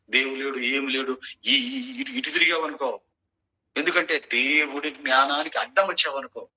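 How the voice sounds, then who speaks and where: A man's voice: mid-range voice, sharp tone, poor audio. A middle-aged man preaching a sermon in an online class, emphatic and full of rhetorical questions to his listeners.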